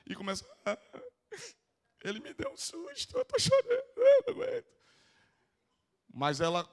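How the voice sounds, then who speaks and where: A Brazilian psychoanalyst with a Bahian accent lectures a live audience in a council chamber. His voice sits high and rings bright. He keeps it playful, teasing the people in the room and calling up volunteers. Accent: Bahian Brazilian Portuguese.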